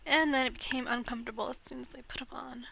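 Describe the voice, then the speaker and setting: A young woman chats casually during a gameplay live stream from home, using a headset and sounding slightly congested as she rambles with frequent ums and giggles. Her high voice is steady, quick, creaky, pushed and bright, over faint game music and slight background noise.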